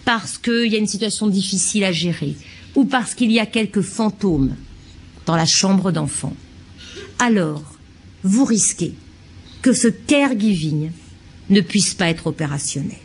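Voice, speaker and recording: A woman's voice: medium pitch, animated, measured pace, pauses often, breathy edge. A child psychiatrist giving a lecture to childcare staff, a woman who talks expressively and acts out short examples.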